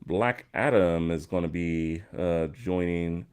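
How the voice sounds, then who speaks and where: A man's voice: low voice, takes it slowly, crowd noise. A man in his thirties hosting a gaming podcast, easygoing as he steers to the next topic. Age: 30s. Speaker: podcast host. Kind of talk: casual chat.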